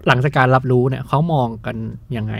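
A man's voice: mid-range voice, fairly even intonation, fast talker, vocal fry, dry recording. A man hosting a podcast, casually posing probing questions to his guests. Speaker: podcast host. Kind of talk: casual discussion.

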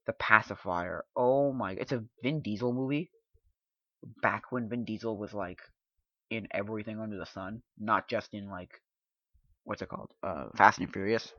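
A man hosting a podcast in casual chat, rambling and halting as he thinks aloud. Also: lowish voice, pushed and bright, dry recording. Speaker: podcast host. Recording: dull lo-fi dry sound.

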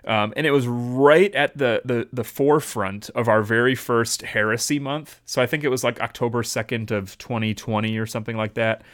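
A man's voice: mid-range voice, fairly even intonation, normal speed, few pauses, a bit bright. A man hosting a casual theology podcast, chatty and joking as he rambles through the intro. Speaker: podcast host.

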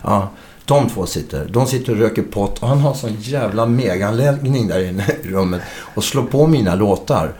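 Lively middle-aged man telling stories. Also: lowish voice, hardly any pauses. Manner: animated anecdote-telling, acting out quoted dialogue, casual swearing. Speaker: musician guest. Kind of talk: casual storytelling interview.

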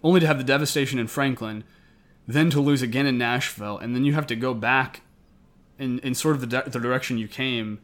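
A man's voice: mid-range voice, fairly quick. A man co-hosting a history podcast, telling the story in semi-scripted narration, recorded in an attic. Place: indoors in the attic of a historic house. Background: air conditioning may be running.

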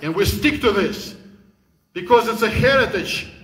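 A man's voice: sits high, animated, a little slow, a bit bright. A man from the Soviet Union with a Russian accent, giving a fervent, preaching speech to a live audience and repeating phrases for emphasis. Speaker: guest speaker. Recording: echoey hall with long reverb.

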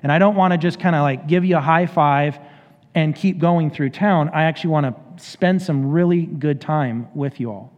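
A man's voice: fairly high pitch, moderate pace, long reverb tail, muffled recording. A male pastor preaching a sermon in a casual, conversational way, acting out scripture voices. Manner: conversational, animated paraphrasing of scripture.

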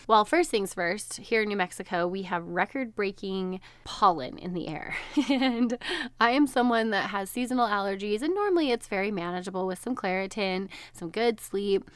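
A registered dietitian in her thirties hosts a casual solo podcast, chatty and bubbly and laughing often. Her voice is on the high side and sounds nasal and stuffed up from allergies, recorded with no echo.

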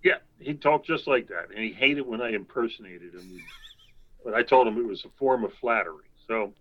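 An older man telling long anecdotes as an interview guest, rambling, with quick asides and chuckles. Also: on the low side, husky, highs cut off. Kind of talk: anecdotal storytelling.

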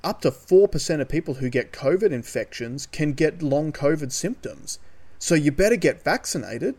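Somewhat high and animated, this Australian man's voice is a bit mellow and moves at a moderate pace. As a podcast co-host he gives sardonic, opinionated takes on the news in a casual chat, with some offhand swearing.

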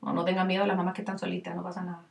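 A middle-aged woman with a Chilean accent giving parenting advice in casual chat, acting out little scenes with lively voices. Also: fairly low pitch, very fast, vocal fry. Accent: Chilean Spanish. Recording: roomy echo, distant mic.

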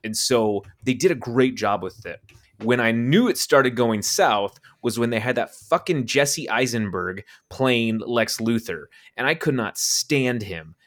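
A man's voice: mid-range voice, expressive, unhurried, fairly bright tone. A man co-hosting a casual movie podcast, ranting with profanity and incredulous laughter. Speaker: podcast co-host.

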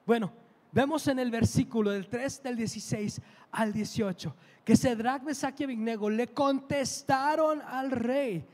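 A man preaching a sermon, telling a story with emphasis and building to loud passion. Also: extremely high pitch, measured pace, big-room sound.

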